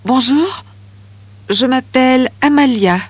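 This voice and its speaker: A careful teenage girl, slow. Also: high voice, dry recording. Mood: measured. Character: thoughtful teenage girl from a bilingual family. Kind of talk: scripted listening-exercise reading.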